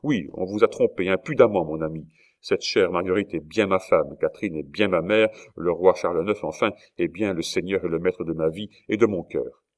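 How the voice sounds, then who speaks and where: A man reading the part of a young king who stays guarded and calculating, with a smooth, evasive way of reassuring people. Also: low voice, normal speed, close to an everyday voice. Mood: insistent. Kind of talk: audiobook character reading.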